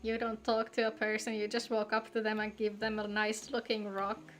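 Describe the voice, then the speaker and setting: A woman game streamer chats playfully and jokes around while she plays, her medium-pitched voice monotone at a moderate pace. Music plays behind her voice, and there's slight background noise.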